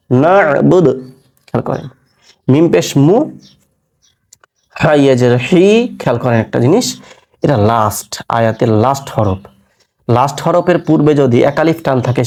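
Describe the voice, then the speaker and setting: A man teaching Quran recitation rules in a patient classroom lesson, spelling out syllables, asking his listeners questions and chanting words slowly. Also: mid-range voice, warm tone. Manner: patient, repeats syllables and asks rhetorical questions.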